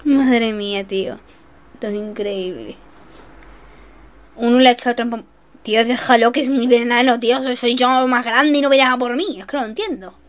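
A young woman giving excitable, self-mocking gameplay commentary, swinging between shrieks and mutters. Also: fairly high pitch, moderate pace. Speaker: gaming youtuber.

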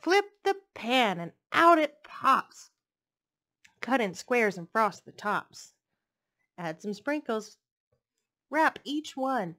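A librarian in her thirties reads picture books aloud to children during storytime in a living room, using a headset mic and a playful, sing-song rhythm. Her voice is on the high side, bright and forceful, with big pitch swings, a slow pace and frequent pauses.

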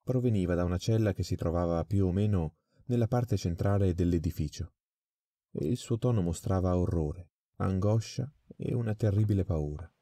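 Deep-voiced man narrating a crime tale. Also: dark tone, dry recording, studio quality. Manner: measured, dramatic storytelling. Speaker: audiobook reader. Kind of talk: scripted story narration.

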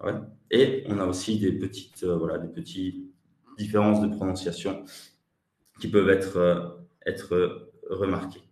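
A man's voice: low voice, steady tone, a little slow, darkish tone, reverberant, distant mic. A man from Switzerland with a Swiss French accent, teaching an online webinar lesson, hesitant and repeating his words as he answers the chat.

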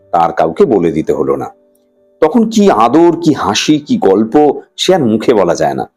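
A man reading a children's story aloud with expressive, sing-song narration. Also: medium pitch. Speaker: story reader.

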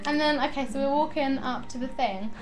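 A young woman vlogging to her camera, rambling excitedly and giggling as she chats. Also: high-pitched, brisk, very noisy. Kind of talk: casual chatty vlog.

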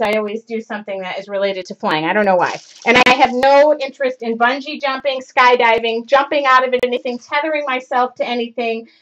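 A high, fairly bright female voice belongs to a woman in her forties presenting a live craft demo from her home studio. She rambles and self-interrupts while working, and the webcam in front of her delivers dull lo-fi stream audio.

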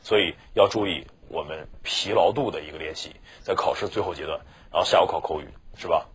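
A man's voice: low voice, brisk, fairly bright tone, a little hiss or hum. A male teacher giving a chatty exam-prep lecture, often checking with his students for agreement. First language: Mandarin Chinese. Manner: chatty, keeps asking "是吧" for agreement.

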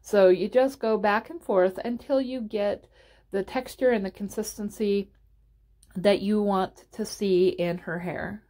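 Woman, tutorial host, mid-pitched voice, casual step-by-step voice-over with an encouraging manner. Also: steady tone, unhurried, dark tone.

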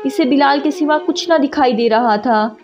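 A woman telling a sad story in steady, emotive scripted narration, in a dull lo-fi recording over music. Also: sits high, normal speed.

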